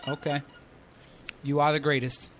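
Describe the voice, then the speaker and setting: A man's voice: on the high side, little pitch movement, measured pace, fairly bright tone, slight background noise. A man hosting a radio call-in show, chatting loosely, teasing the caller and reading out listener messages. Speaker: radio host.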